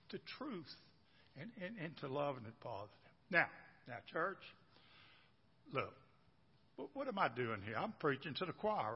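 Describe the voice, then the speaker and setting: A man's voice: on the high side, breathy edge. A man preaching a sermon to his church, folksy and repetitive, often asking the room questions. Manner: folksy, repeats phrases, asks the crowd questions. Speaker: pastor. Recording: dull, echoey church hall recording.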